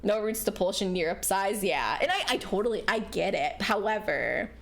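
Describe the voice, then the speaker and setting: A young woman from rural New York who lives in Japan chats casually at home while streaming a game, rambling with lots of fillers. Her medium-pitched voice is expressive, creaky and a bit bright, at a moderate pace.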